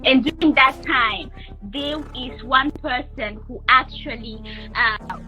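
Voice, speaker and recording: Woman in her 30s from rwanda, interview guest, kinda high bright voice, slow careful explaining, soft music behind. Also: poor audio. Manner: careful, halting, repeats and restarts while explaining. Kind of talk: telling her life story in an interview.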